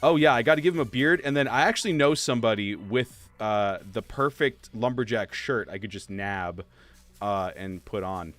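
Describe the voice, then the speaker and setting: A young man chatting casually on a game livestream, answering viewers and filling pauses with "like" and "uh". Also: on the low side, a bit bright. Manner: chatty, reads and answers chat, many fillers. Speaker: streamer. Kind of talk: casual livestream chat while playing.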